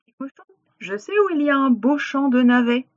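A woman voicing a sly, hungry male wolf in a children's storybook reading, coaxing and drawing out his threats slowly. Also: high-pitched, muffled recording, voice pushed up, natural voice. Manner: coaxing, then slow drawn-out threats.

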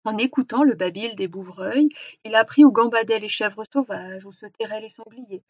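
A woman reading a storybook aloud with expressive narration that slows for effect. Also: mid-range voice, no room sound. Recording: dull, dry recording.

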